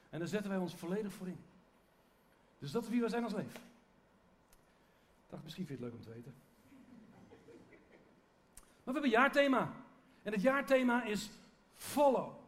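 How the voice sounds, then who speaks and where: Preacher, male, higher-pitched, earnest conversational sermon with restarts. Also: sing-song, normal speed, long pauses. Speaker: pastor.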